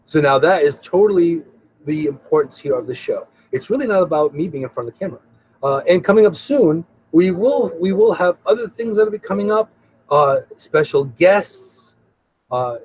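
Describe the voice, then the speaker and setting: Husky chatty man hosting a stream. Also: on the high side, a little mellow, poor audio. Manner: chatty, rambling, repeats words. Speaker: host. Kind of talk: casual live-stream talk.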